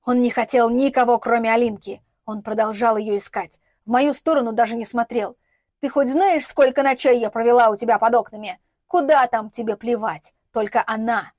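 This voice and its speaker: A woman's voice: on the high side, fairly even intonation, moderate pace, darkish tone, no echo, studio quality, natural voice. A woman voicing a bitter, defiant young woman who sneers and speaks vehemently, in an audiobook.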